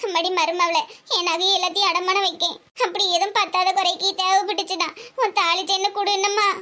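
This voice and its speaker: A woman's voice: very high voice, flat delivery, a little fast, bright, forceful tone. A woman voicing a caring, middle-aged cartoon mother-in-law with a Tirunelveli Tamil accent, who talks affectionately and gives instructions.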